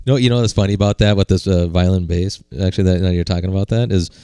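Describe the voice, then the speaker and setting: Deep-voiced man demoing gear, dry sound. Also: fairly even intonation, very fast, dark tone, clean tone, no room sound, faint music behind. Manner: rambling, lots of "uh" and "like". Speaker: podcast co-host. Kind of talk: casual gear demo chat.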